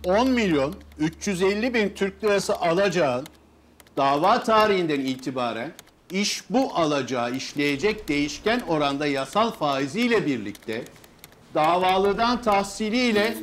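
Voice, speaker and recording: An actor playing a judge, formally reading out a ruling in a screen drama. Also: male voice, high-pitched, animated, measured pace, a little hiss or hum. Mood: official.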